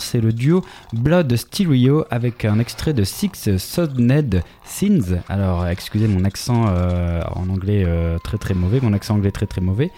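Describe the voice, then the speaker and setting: A man's voice: mid-range voice, dark tone. A man hosting a music radio show, talking casually with many hesitations and self-corrections.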